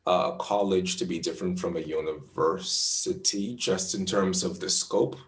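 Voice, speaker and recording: A Bahamian man in his twenties, a professional astrologer answering interview questions in a thoughtful, measured way, often restarting his phrases. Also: low voice, steady tone, reverberant. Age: 20s.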